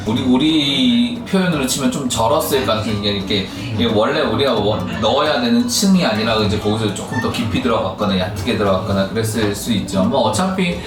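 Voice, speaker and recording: A man's voice: mid-range voice, expressive, fairly quick, few pauses. A man talking as a cosmetic doctor, explaining things in casual chat with rhetorical questions and quoted asides. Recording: echoey room, distant mic, music behind.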